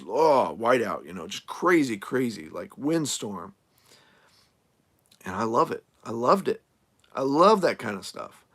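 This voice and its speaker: Outdoors at a desert RV camp, a nomad RV creator chats casually on a live stream, answering viewer comments. His medium-pitched, slightly bright voice turns a little hoarse as he rambles with plenty of fillers and restarts.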